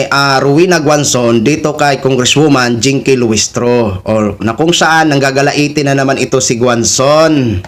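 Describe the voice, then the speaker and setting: A man's voice: on the high side, a bit bright, a little hiss or hum. A man, hosting a reaction video and speaking politely and casually to his viewers. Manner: polite, uses respectful "ho" and "po".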